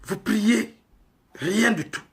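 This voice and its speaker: A Congolese man preaches a sermon at an unhurried, deliberate pace. His slightly high voice is husky and breathy with a bit of brightness, and he drives his points home with emphatic rhetorical questions.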